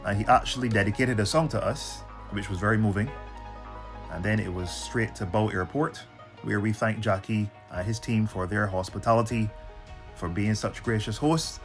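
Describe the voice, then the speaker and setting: Speaking at a moderate pace in a steady, fairly low voice, a thirty-something travel vlogger from Barbados describes his journeys casually in his Bajan accent. The clip mixes relaxed travel narration with interview answers, and music runs in the background.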